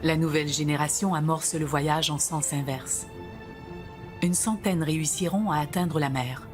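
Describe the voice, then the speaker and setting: A woman's voice: low-pitched, fairly even intonation, moderate pace. A woman reading scripted nature documentary narration. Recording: music behind the voice. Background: background music.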